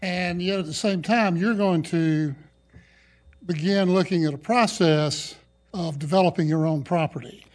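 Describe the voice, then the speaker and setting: A man with a high-pitched voice makes unscripted remarks at a public meeting. He speaks as a participant, not an announcer. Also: unhurried, darkish tone. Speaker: property developer speaking at a council meeting.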